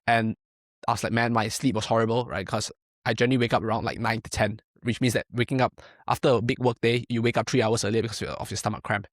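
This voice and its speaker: A young Malaysian powerlifting coach talks casually in a podcast interview, rambling and peppering his speech with "like" and "right?" tag questions. He's a fast talker with a medium-pitched, steady voice, captured in studio quality with no echo.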